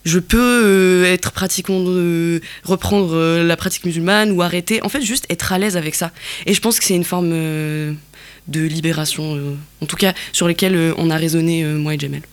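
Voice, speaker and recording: A woman from Algeria speaks as an interview guest. She talks in a reflective way, pausing and rephrasing often as she works out her thoughts. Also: fairly low pitch, fairly even intonation. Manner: thoughtful, many fillers and restarts.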